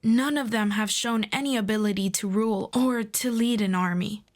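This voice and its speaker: A woman plays a demon princess, proud and earnest, in a fantasy audio drama, choosing her words formally and deliberately to persuade. Her mid-range voice stays close to how she'd normally talk, and she sounds surprised and insistent.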